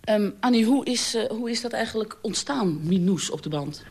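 A woman's voice: fairly high pitch, animated, normal speed, darkish tone. A woman with a Dutch accent interviewing a guest in an archival radio programme, asking hesitant questions.

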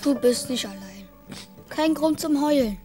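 A woman's voice: high voice, lively intonation, unhurried, over music. A woman voicing a lonely, sulky but kind young boy in a radio play. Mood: gentle sulky. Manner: sulky, consoling. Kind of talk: radio drama acting.

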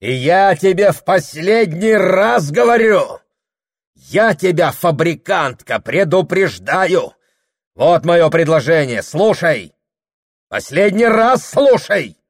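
A man voicing a domineering, grandiose husband who shouts and hammers every phrase in an audiobook. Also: high-pitched, animated, slow, no echo, clean studio sound, pitched above the performer's own voice, exaggerated voice. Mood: furious commanding. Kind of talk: audiobook character voice.

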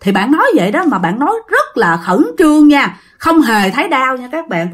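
A woman with a Southern Vietnamese accent telling a ghost story, chatty and animated, speaking straight to her listeners. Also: moderate pace. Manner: animated, acts out quoted voices with big pitch jumps; chatty, addresses listeners directly.

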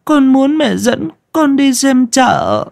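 A reader voicing a small boy who whimpers slowly and tearfully to his mother in an audio storybook. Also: high voice, big pitch swings, gravelly, a little mellow, voice pushed up, exaggerated voice.

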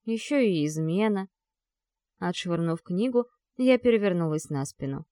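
A woman reading a fantasy novel aloud as an audiobook narrator, voicing the characters' lines with shifts in pitch. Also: animated, normal speed, dark tone, no room sound, clean studio sound.

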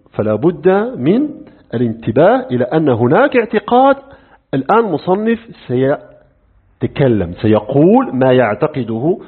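A middle-aged man teaching a lecture on religious creed, animated, asking rhetorical questions and answering them himself. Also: a little high, husky. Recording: tinny phone-like lo-fi recording.

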